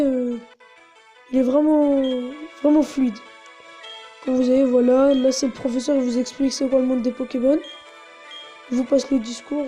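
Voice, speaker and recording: A woman's voice: high voice, warm tone. A woman narrating a casual step-by-step tutorial in a chatty way, with many fillers. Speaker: tutorial host.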